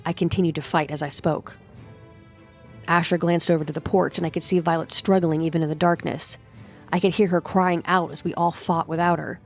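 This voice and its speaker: A woman with a low-pitched voice tells a first-person story in a steady, dramatic way. Faint music plays under her narration. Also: fairly quick, gravelly.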